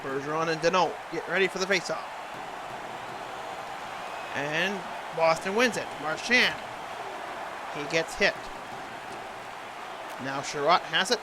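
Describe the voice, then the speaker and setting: Over clear background noise comes an earnest hockey play-by-play announcer , a man's impression of one, pitched high for a male voice. He calls a video game in short, clipped present-tense phrases, in the manner of a TV broadcast. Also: unhurried, pauses often, close to an everyday voice. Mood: analytical.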